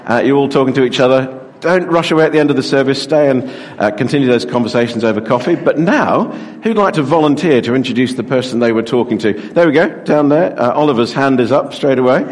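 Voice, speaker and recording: A middle-aged man preaching an interactive sermon as pastor, lively and joking as he draws in the congregation. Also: medium pitch, fast, few pauses. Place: large church with long reverb. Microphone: handheld microphone. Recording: echoey church hall reverb.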